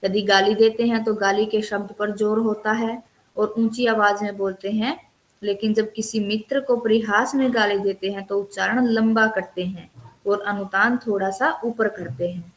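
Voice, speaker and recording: A woman teacher giving an online lecture, reading from her notes and stopping to explain the terms. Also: mid-range voice. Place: recorded online counselling session.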